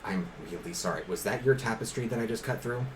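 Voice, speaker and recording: A man voicing an unbothered dragon king with an offhand, deadpan manner, in a noisy room. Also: lowish voice, fast, natural voice. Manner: offhand modern slang, deadpan.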